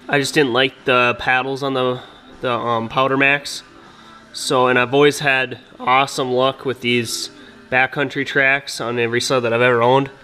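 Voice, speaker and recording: A man from Minnesota talks slowly and easily through his machine's upgrades, filling his pauses with "uh" and "um." He films it on a head-mounted action camera in an indoor garage workshop. Faint music plays behind him. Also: medium pitch. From Minnesota, USA. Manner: relaxed and unhurried, many "uh" and "um" fillers. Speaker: snowmobile vlogger. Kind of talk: casual walkthrough of his sled upgrades.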